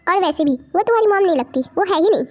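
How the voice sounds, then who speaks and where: A high young voice playing a sassy, defiant young wife in an amateur fan audio drama, full of bold quick retorts. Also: animated, no room sound.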